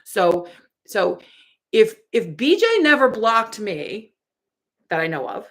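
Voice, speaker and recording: A woman's voice: medium pitch, big pitch swings, slow pace. A woman in her forties, a live streamer reading out her chat in a rambling way, full of fillers and restarts. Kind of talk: casual livestream chat.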